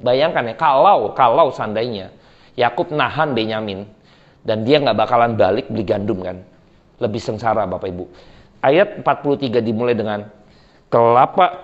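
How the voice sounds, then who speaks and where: A man preaching a sermon in a chatty, lively way, joking and laughing with the congregation and slipping into casual slang. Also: mid-range voice, dull audio. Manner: slips into colloquial Jakarta slang.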